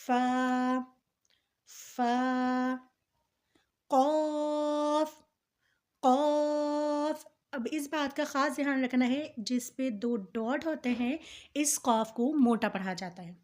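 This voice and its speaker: A woman Quran teacher giving a patient lesson on letter sounds, drawing each letter out slowly and repeating every point. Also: high-pitched. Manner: slow drawn-out letter recitation between explanations.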